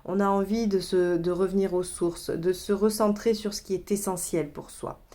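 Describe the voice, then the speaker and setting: This is a woman doing a tarot reading in an easygoing, conversational tone at a middle pitch. She thinks out loud, fills her pauses with little hesitations and keeps reassuring her listeners. Now and then she drifts slightly away from the mic while laying out cards. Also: fairly even intonation. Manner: thinking aloud, many fillers, reassuring asides. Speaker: tarot reader. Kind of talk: casual tarot reading monologue.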